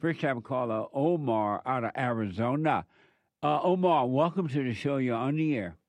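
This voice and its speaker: Smooth radio host man, dry studio sound. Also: medium pitch, animated, moderate pace, no echo. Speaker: call-in show host. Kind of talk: call-in talk show hosting.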